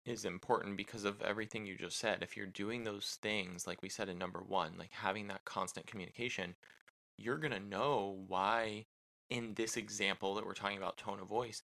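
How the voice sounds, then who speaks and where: A man's voice: on the low side, fairly even intonation, brisk, gravelly, pushed and bright. A man co-hosting a podcast with his wife, talking casually with lots of "you know" fillers and restarts. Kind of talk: casual chat.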